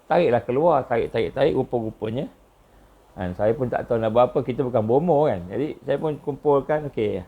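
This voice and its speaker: A man giving a religious lecture in a Malaysian Malay accent tells stories, repeats himself a great deal, and pitches his voice sharply upward at important moments. The audio sounds narrow and tinny.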